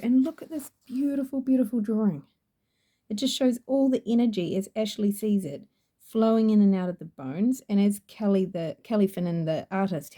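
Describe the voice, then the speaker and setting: In a casual review of an oracle deck, a New Zealand woman talks chattily and effusively, wandering off with lots of fillers. Her voice has a medium pitch and a dark tone.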